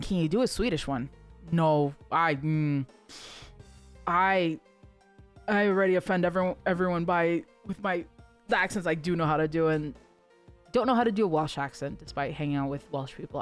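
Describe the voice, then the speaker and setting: A woman's voice: deep voice, fairly quick, soft background music. A woman streamer chatting casually to her viewers between reading game lines. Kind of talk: casual chat while voicing a game.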